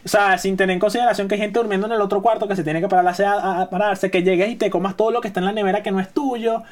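A man's voice: sits high, steady tone, rapid-fire. A man with a Venezuelan accent co-hosting a casual podcast, swearing freely and ranting in heated bursts. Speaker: podcast co-host.

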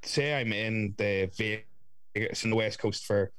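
A man's voice: lowish voice, steady tone, unhurried, a bit bright, no room sound. Male co-host, twenties, Northern Irish, casual sweary podcast talk, dry recording. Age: 20s.

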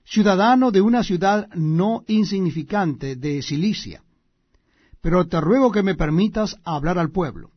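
A man's voice: high-pitched, animated, a little slow, husky, dry recording, heavily acted. A man voicing the apostle Paul in a scripture reading, declaiming earnestly. The recording is dull and lo-fi. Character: apostle Paul, a man defending himself before a crowd.

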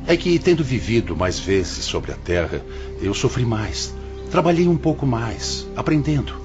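Over music and with dull audio, an actor voices a serene, humble older male spirit who runs a hospital in the afterlife for a religious radio drama. His mid-range voice is sing-song and unhurried as he speaks solemn, formal, patient Brazilian Portuguese.

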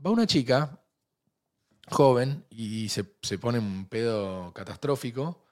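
A middle-aged man with a Rioplatense Spanish accent, co-hosting a podcast and telling anecdotes in animated, joking banter. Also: slow pace. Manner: animated storytelling, jumps pitch for quoted voices. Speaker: podcast co-host. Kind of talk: casual banter.

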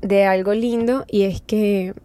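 A woman in her thirties talks into her podcast mic about personal matters. Her voice is mellow and dark, and her pitch sits in the middle. She speaks in an intimate, earnest way and often checks in with the listener. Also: steady tone, slow pace, smooth. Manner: intimate, earnest, speaks of feelings with many "¿sabes?". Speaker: podcast host. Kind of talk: personal reflective podcast monologue.

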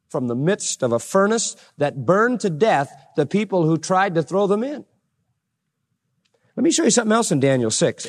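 A man preaching a sermon, reading scripture aloud with dramatic rising emphasis and plain asides in between. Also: on the high side. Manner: reads verses with dramatic slowing and rising voice, then chats plainly.

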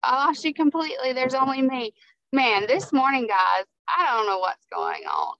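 A woman co-hosting a casual chat over a lo-fi video call connection, chatty and quick to laugh. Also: high-pitched, big pitch swings, fairly bright tone, no room sound. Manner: chatty, laughs easily, repeats words. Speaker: co-host.

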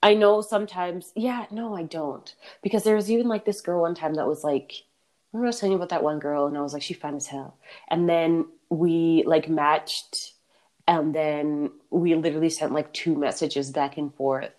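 A woman's voice: sits low, steady tone, normal speed, a little mellow. A young woman co-hosting a podcast, talking candidly in casual chat, swearing freely and laughing often. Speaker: podcast co-host.

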